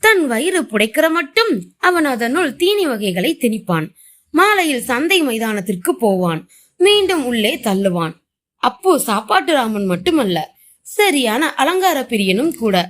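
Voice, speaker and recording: Lively woman reading stories aloud. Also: a little high, unhurried. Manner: expressive reading with voiced dialogue. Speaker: storyteller.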